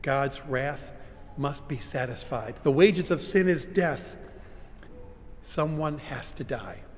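An older man preaching a sermon from a pulpit, dramatic, moving from loud cries to hushed whispers. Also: fairly high pitch, slow. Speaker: pastor. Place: large church sanctuary, standing at a pulpit. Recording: long church reverb, faint room hum.

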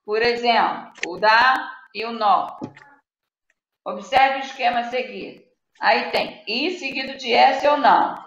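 Slow gravelly Brazilian woman teacher. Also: on the high side, a bit bright. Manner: slow, patient, reads word lists aloud and quizzes pupils. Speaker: schoolteacher. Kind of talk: live online Portuguese lesson for children. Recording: echoey room, dull lo-fi audio with faint noise.

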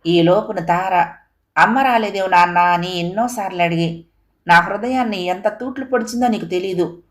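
A woman's voice: on the low side, moderate pace, close to an everyday voice. A woman voicing a feverish, hurt husband who pleads earnestly with his wife. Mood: pleading.

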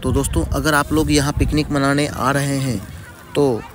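A man's voice: medium pitch, level tone, moderate pace, noisy background. A man narrating a casual travel vlog at a riverside picnic spot, talking to viewers like friends. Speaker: travel vlogger.

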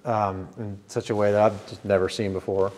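A middle-aged American man, touring as a visitor while interviewing, chats casually in a large indoor tower room, thinking aloud and rephrasing as he goes. His lowish, slightly mellow voice is flat at a normal speed, captured by a clip-on mic on his chest.

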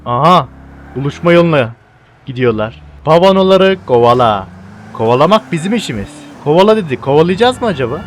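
Young male gaming commentator, high voice, excitable and loud at action moments. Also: brisk, a little hiss or hum. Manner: excitable, laughing, shouting at game events. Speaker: gaming YouTuber. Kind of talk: gameplay commentary.

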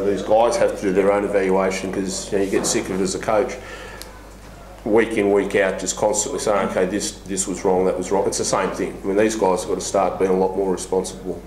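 Blunt coach with a deep voice. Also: male voice, a little mellow. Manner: frank, blunt, lots of restarts and fillers. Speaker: basketball head coach. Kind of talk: post-match press conference. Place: small press room before a sponsor backdrop. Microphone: table mic on a stand. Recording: echoey room with faint hiss.

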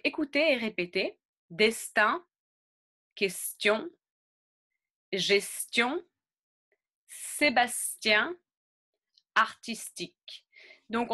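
A woman teaching French pronunciation, saying each model word slowly and carefully, then explaining it again in English. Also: on the high side, fairly bright tone. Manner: slow, carefully articulated model words. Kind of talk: bilingual pronunciation lesson.

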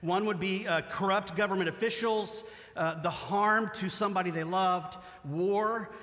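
A middle-aged male pastor preaching a sermon in a relaxed, conversational way, often restarting phrases and inviting the congregation to answer. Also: high-pitched, moderate pace, big-room sound. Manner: conversational, self-correcting, asks congregation to respond. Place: church sanctuary.

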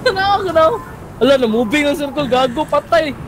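Super high voice cebuano gamer, shouty and giggly, bouncy pitch. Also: fairly quick, over a noisy crowd, heavy background noise. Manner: excitable, shouty, laughs often. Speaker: gaming partner. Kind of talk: casual gaming banter.

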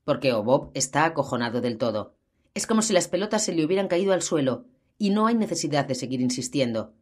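A woman narrating a gritty crime novel in an audiobook, with steady storytelling. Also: deep voice, quick pace.

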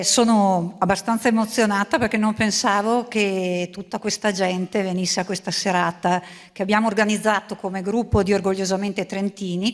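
An emotional woman organizer greets a packed theatre, sounding like someone unused to the stage. Her voice echoes with a long theatre reverb. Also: mid-range voice. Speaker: event organizer. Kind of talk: welcome speech. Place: theatre stage before a large audience.

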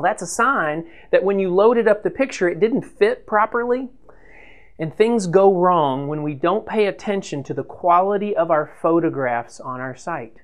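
A high-pitched man in his fifties, a church web consultant presenter, stands at a whiteboard in a small room giving a lesson. He talks animatedly and gestures as he explains.

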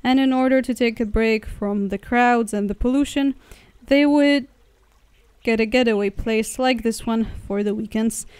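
Riding in a car through woodland, a young woman from Poland gives casual travel-vlog narration, rambling and revising what she says. Her voice sits a bit high, sounds smooth and slightly mellow, and keeps a normal speed; the recording is dry.

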